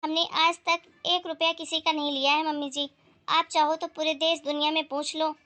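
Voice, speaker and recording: A woman's voice: high-pitched, level tone, moderate pace, sharp tone. A woman voicing a humble young daughter-in-law from a poor family in a cartoon, speaking with earnest dignity. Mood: hurt.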